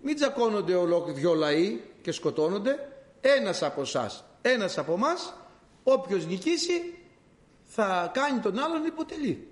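A preacher playing a boastful giant male warrior who shouts a challenge, voice pushed higher than his own. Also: very animated, echoey room. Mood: taunting.

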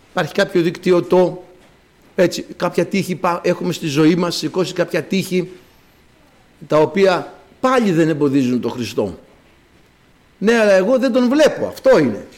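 High, lively-voiced male preacher. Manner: emphatic, repeats phrases, reads scripture in archaic Greek. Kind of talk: sermon.

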